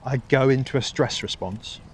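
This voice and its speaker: Man, casual vlog monologue, rambling, restarts mid-sentence, swears often, mid-pitched voice, outdoors on a dog walk, faint ambient noise behind. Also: moderate pace. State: hot and a little weary while walking. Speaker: vlogger.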